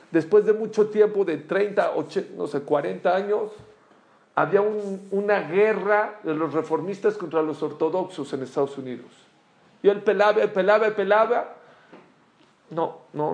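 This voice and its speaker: A man who tells a teaching story in a sermon, animated and swinging between loud and hushed. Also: high voice. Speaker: religious teacher.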